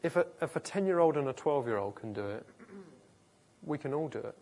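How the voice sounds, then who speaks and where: A man's voice: on the high side, lively intonation, a little fast, darkish tone. A man preaching a sermon in an informal, earnest way, often restarting and correcting himself mid-sentence. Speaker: pastor. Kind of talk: conversational sermon.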